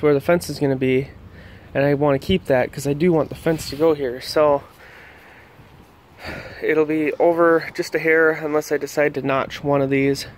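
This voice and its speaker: A man casually explaining his deck repairs while walking around his yard outdoors, rambling with plenty of ums and restarts. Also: a little high. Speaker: homeowner vlogger. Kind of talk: casual walkthrough vlog. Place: backyard outdoors.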